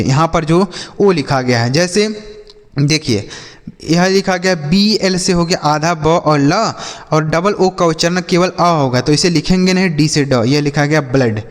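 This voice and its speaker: A man's voice: fairly high pitch, long reverb tail. A man teaching English reading to children, spelling words out and asking and answering his own questions. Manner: repeats each word, asks and answers his own questions. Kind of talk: classroom-style phonics lesson.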